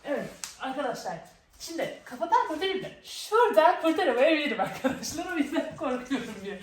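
A woman's voice: high-pitched, sing-song, a little fast. A woman chatting casually to viewers as a vlog host, playful and exclamatory. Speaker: vlog host and game player. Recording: roomy echo, faint background noise.

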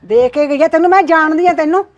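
A nagging, gossipy old mother-in-law, played by a woman, with a high-pitched voice. She complains and argues back at her husband. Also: fairly quick, highs cut off, close to an everyday voice. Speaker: actor. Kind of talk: amateur short-film acting.

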